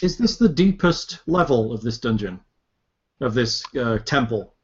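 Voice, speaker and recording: A man's voice: mid-range voice, animated, unhurried, husky. A man talking casually in character as a player in a tabletop role-playing game. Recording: dull lo-fi audio.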